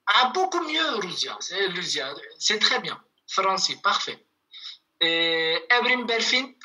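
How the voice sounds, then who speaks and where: Online language teacher, unhurried, piercingly bright timbre, patient repetition. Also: medium pitch, big pitch swings, poor audio. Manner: patient, repeats words slowly for students. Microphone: video call.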